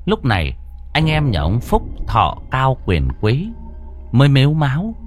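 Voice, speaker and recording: A man's voice: mid-range voice, huge pitch swings, a little slow, faint music behind. A man narrating a ghost story with dramatic, suspenseful delivery.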